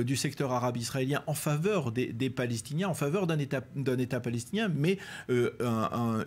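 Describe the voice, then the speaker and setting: Mid-pitched male analyst on a news panel, careful, halting, lots of fillers. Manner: measured and hesitant, many pauses and fillers. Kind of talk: TV news debate.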